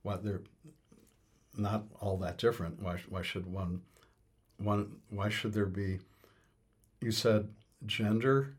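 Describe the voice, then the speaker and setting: A man's voice: fairly low pitch, steady tone, takes it slowly, long pauses, husky. A man explaining music thoughtfully in conversation, hesitant with many fillers and restarts. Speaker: interviewee on music.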